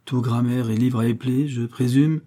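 A man reading aloud voices a vain, pompous middle-aged widow who scolds her niece haughtily, with sudden rises in pitch. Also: steady tone, moderate pace, dark tone, lightly acted. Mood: haughty.

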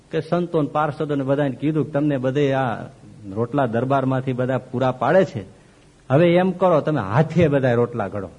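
Male preacher, slightly high, husky; storytelling sermon with sharp rises to loud emphasis. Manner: animated, swings between loud emphasis and soft low asides. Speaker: swami preacher.

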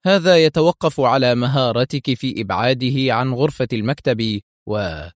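Guy voicing a calm cool secret agent, steady, dry close audio. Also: medium pitch, normal speed, no echo, close to an everyday voice. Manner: calm then urgent commands. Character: cool-headed male intelligence officer, commanding in danger.

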